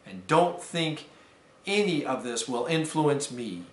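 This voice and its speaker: A man's voice: medium pitch, very animated, slow pace. A man voicing a proud, flustered baker in a storybook read aloud, with indignant, blustering exclamations. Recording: roomy echo.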